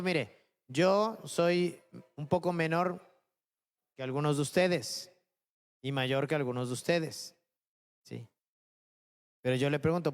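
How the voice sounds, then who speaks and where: A man preaching a sermon as pastor, who keeps checking in with his listeners and asks rhetorical questions. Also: a little high.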